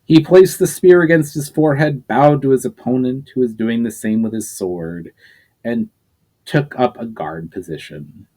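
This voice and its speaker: A man reads his own novel aloud as its author, narrating at a steady, unhurried pace in a mid-range voice. He makes the occasional slip along the way.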